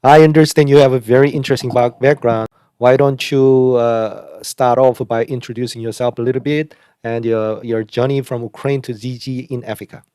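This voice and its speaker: A man's voice: medium pitch, fairly even intonation, moderate pace, mellow, clear, resonant tone, no echo, studio quality. A man hosting an interview, asking the guest short polite questions. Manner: polite, brief prompting questions. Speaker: interview host.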